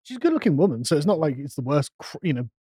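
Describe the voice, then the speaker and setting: A man's voice: on the high side, very animated, very fast, dark tone, slightly rough, no room sound. A man co-hosting a live podcast, chatting casually, laughing often and mimicking voices. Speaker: podcast co-host. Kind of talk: casual banter on a live stream.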